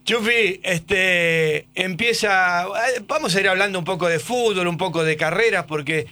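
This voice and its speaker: A man's voice: high voice, unhurried, sharp tone, soft background music. A man with an Argentine accent hosting a radio interview in a chatty, teasing way. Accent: Argentine Spanish. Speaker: radio host.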